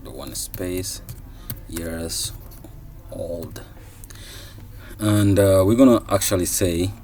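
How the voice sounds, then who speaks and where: Speaking slowly in a warm, low-pitched, even voice, a thirty-something Somali man walks through a screen-recorded coding tutorial. It's casual and thought out loud, with frequent fillers and restarts, and slight background noise can be heard.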